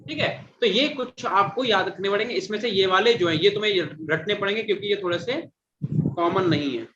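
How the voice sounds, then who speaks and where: High-voiced man quizzing a class. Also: sharp tone, slight background noise. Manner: repeats and quizzes students, calls them "beta". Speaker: teacher. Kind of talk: classroom chemistry lecture. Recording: dull lo-fi classroom recording.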